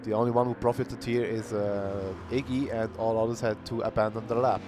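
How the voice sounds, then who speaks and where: Over noisy stream audio, a man with a lowish voice commentates an online sim racing qualifying session. He describes himself as monotonous and speaks plainly and without hurry, though he breaks into occasional bursts of cheering.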